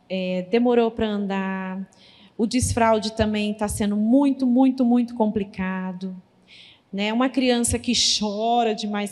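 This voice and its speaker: Woman, pedagogue, church conference talk, lively, speaks to the audience, acts out dialogues, higher voice, reverberant hall. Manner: lively, addresses audience directly; acts out quoted conversations. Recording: long reverb of a large hall.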